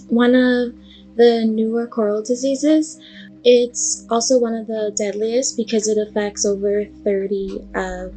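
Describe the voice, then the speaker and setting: A woman research assistant from the Bahamas, explaining things in a brisk, straightforward way. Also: a little high, warm tone, rough recording.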